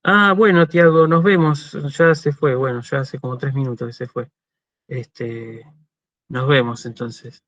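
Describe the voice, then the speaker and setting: A man's voice: medium pitch, fairly even intonation, measured pace, fairly bright tone, dry recording, highs cut off. A man with an Argentine accent gives a university lecture over a video call, explaining patiently and checking in with his listeners. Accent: Argentine Spanish. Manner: explanatory, frequent "¿sí?" check-ins and "este" fillers. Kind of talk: online lecture.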